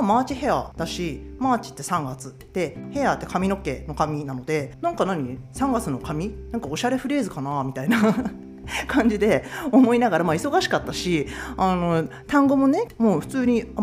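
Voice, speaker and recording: A woman's voice: mid-range voice, darkish tone. A woman from Japan, hosting in a chatty, casual storytelling style, with many fillers. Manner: chatty, lots of fillers, acts out quotes. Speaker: host.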